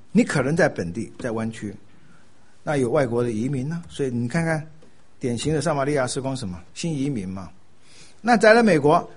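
Older guy preaching, husky voice, pitch bouncing all over, chuckles at his own jokes. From Taiwan. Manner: animated storytelling, laughing at his own jokes. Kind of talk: sermon.

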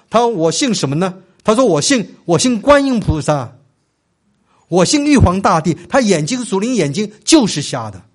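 A man preaching a sermon, stressing key phrases and leading the congregation to repeat them after him. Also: high voice. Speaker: pastor.

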